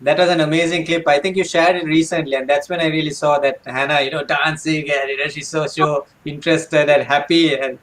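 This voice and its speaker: A man's voice: fairly high pitch, little pitch movement, a little fast, hardly any pauses, a bit bright, rough recording. A man co-hosting a casual interview, telling a story eagerly and laughing often. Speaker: co-host.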